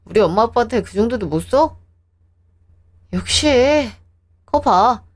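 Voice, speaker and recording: A woman's voice: fairly high pitch, expressive, unhurried. A woman voicing a defensive, hot-tempered young husband who talks in a sneering, combative way.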